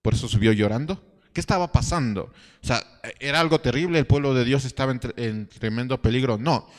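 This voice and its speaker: A man preaching a sermon as pastor, telling a story with rhetorical questions and halting restarts. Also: mid-range voice, in a large hall. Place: church hall.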